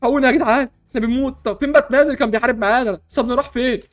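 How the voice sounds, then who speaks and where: A young man with an Egyptian accent, playing a superhero in a block-building game, talking loudly and frantically with constant exclamations. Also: extremely high pitch, steady tone, rapid-fire. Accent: Egyptian Arabic. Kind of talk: excitable role-play over gameplay.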